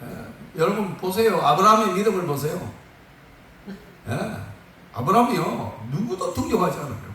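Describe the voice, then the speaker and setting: Man preaching a sermon, animated and joking, high voice, roomy echo. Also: moderate pace. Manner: lively, joking, laughs often. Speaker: pastor. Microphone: phone far off in the room. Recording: echoey room from far off on a phone.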